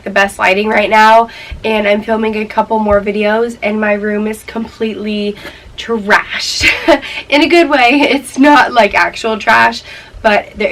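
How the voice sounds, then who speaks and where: A chatty young woman sits on her bedroom floor, talking through a beauty unboxing with a cold-stuffed nose. Her voice sits a touch high and she laughs easily. The mic is a little distant, with a faint hum of room noise behind her. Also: fairly bright tone. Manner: bubbly, chatty, laughs often. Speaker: beauty and lifestyle vlogger. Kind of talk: casual unboxing vlog.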